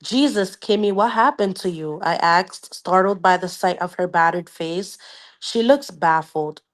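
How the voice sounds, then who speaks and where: This woman has a fairly low, unhurried voice. She's one of the hosts of a book club podcast, reading passages aloud in a relaxed, expressive way, with reactions, swearing, and occasional remarks in Spanish.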